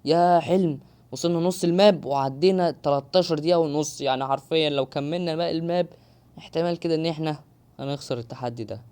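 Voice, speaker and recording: A man's voice: fairly high pitch, fast talker, darkish tone, smooth. A young man with an Egyptian Arabic accent giving live gameplay commentary, exclaiming and joking to his viewers. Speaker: gaming YouTuber.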